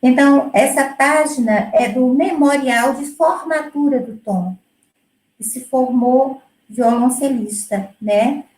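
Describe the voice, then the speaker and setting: A middle-aged woman, a music educator, talking through her work in a relaxed, explanatory way with many fillers and restarts. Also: high-pitched, slow pace, roomy sound, poor audio. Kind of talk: conversational presentation.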